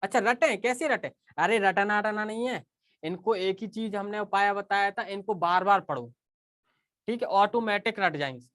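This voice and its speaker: A man's voice: sits high, moderate pace, a bit bright. Chatty male teacher ending a class. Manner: chatty, repeats "okay" often and speaks straight to students. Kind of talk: casual live online class.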